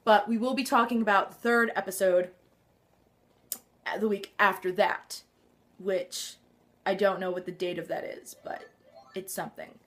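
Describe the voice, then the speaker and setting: A woman hosting a casual fan vlog, gushing and excitable with lots of sighs, her nose a little stuffed up. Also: medium pitch, a little slow, pauses often. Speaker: vlog host. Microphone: handheld camera.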